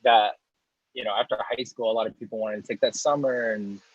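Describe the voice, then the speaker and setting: Speaking a little quickly with fairly even intonation, this man's voice sits on the lower side. He's an American in his thirties who roasts coffee and runs a business, and as a casual interview guest he rambles, restarts and gives small laughs. The recording has no echo and sounds dull.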